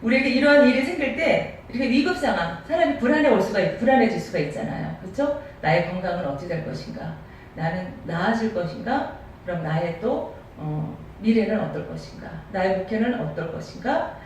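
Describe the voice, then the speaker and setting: A middle-aged woman from Seoul preaches to her congregation in a crisp, clear-cut way, often throwing questions back at them. Her voice rings through a very echoey sanctuary and sounds a little distant from the mic, with a faint hiss underneath. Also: mid-range voice, animated, fairly quick. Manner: crisp, clear-cut delivery with rhetorical questions and occasional laughs. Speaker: pastor. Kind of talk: sermon. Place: church sanctuary.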